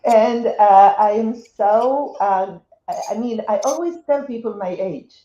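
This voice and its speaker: A Polish woman in her seventies, a wellness coach, appears as a guest in a casual interview, speaking with a Polish accent and hesitating often with restarts and fillers. Her voice is warm and medium-pitched, her pace measured. The sound is roomy and muffled with a little hiss or hum.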